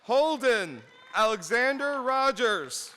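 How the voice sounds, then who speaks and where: Guy calling out grad names real slow, super high bright voice, faint crowd murmur. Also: big pitch swings, long reverb tail. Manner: slow, deliberate name calling. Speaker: announcer reading graduates' names. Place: high school graduation ceremony. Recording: faint crowd and background noise.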